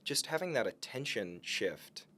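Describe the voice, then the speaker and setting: In a casual podcast chat about self-improvement, a male co-host sounds encouraging and reflective. His mid-range voice swings widely in pitch, with a sharp tone and a slightly slow pace.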